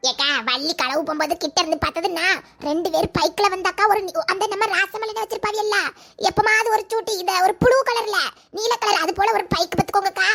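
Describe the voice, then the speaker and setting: A woman voicing an excitable young village woman, chattering and gossiping. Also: extremely high pitch, fast. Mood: worried.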